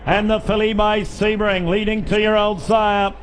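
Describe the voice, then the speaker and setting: A man's voice: high voice, little pitch movement, a little slow. A man working as a livestock auctioneer, repeating figures in a rolling bid chant and cajoling buyers between calls. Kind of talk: rapid auction chant with bid calling and sales patter. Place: public yearling auction sale, over noise. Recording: live sale with clear background noise.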